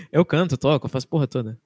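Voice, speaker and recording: Fast, higher-pitched young Brazilian man, slangy. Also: very animated, a little mellow, breathy edge, dry recording, clean studio sound. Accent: Brazilian Portuguese, interior São Paulo. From interior of São Paulo state, Brazil. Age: young adult. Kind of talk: casual chat.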